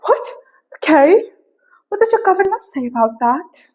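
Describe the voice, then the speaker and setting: A woman's voice: very high voice, very animated, moderate pace, dark tone, voice pushed up. A woman voicing a haughty rich older noblewoman in a grand put-on accent, firing clipped questions. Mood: imperious. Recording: muffled lo-fi recording.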